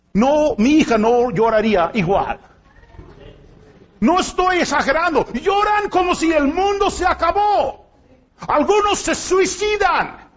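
A man's voice: very high voice, slightly rough, highs cut off. A man pastor preaching a sermon to a congregation in an emphatic style, with rhetorical questions and joking asides. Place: church before a congregation.

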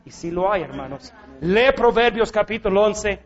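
High-voiced preacher, emphatic. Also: male voice, lively intonation, normal speed, dull audio. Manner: emphatic, swings from quiet to shouting. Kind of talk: sermon.

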